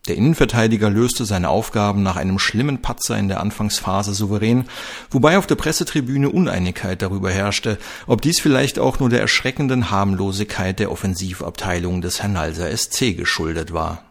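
Steady male narrator for a radio-style crime serial, low-pitched and gravelly. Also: fairly quick. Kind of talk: scripted audio-drama narration.

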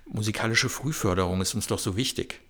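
A man voicing a chatty, fitness-obsessed young mother, his gravelly voice nudged higher for her. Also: brisk, fairly bright tone. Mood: eager. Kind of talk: comic audio story.

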